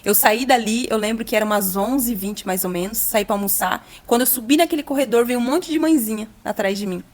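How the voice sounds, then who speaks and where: A woman's voice: a little high, fast talker. Woman, young adult, emotional testimony, earnest, podcast guest. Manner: earnest, emotional, at times near tears.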